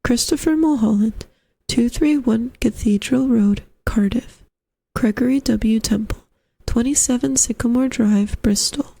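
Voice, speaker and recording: A woman's voice: a little high, measured pace, creaky, dark tone, dry recording. A woman voicing an earnest young male lodger in a story, musing in a hesitant, courteous way. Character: polite, puzzled, earnest young man, a lodger. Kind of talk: storybook character voice.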